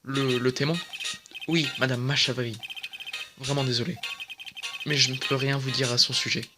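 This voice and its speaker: A man's voice: medium pitch, steady tone, normal speed, music in the background, close to an everyday voice. A man voicing a blunt, bumbling male police detective. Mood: gruff. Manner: blunt, keeps saying "my pal".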